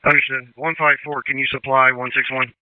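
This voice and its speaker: A man's voice: medium pitch, level tone, fairly quick. An American man working as a fire incident commander, giving terse procedural orders over a two-way radio. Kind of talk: fireground radio dispatch traffic. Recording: tinny narrowband two-way radio.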